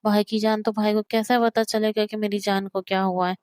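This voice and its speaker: A woman's voice: mid-range voice, little pitch movement, a little fast, darkish tone, clear, resonant tone, dry recording, studio quality, natural voice. A woman reading the part of a caring young man coaxing his feverish younger brother, in an affectionate tone.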